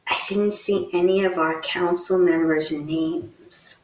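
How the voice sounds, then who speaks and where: A woman from Texas co-hosting a local politics podcast, talking in a deliberate, pointed way with some sarcastic criticism. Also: lowish voice, fairly even intonation, recorded from a distance. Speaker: podcast co-host. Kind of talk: casual political commentary. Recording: roomy sound, set back from the mic.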